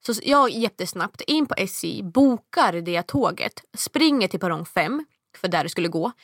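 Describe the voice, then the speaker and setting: A woman in her thirties telling a long story in casual chat, acting out the quotes in a much higher voice. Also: lively intonation, no echo, studio quality.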